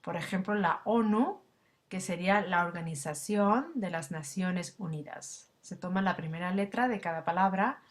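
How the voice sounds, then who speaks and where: A woman's voice: on the low side, moderate pace. A woman language instructor giving a recorded slide lecture, explaining step by step with frequent fillers and tag questions.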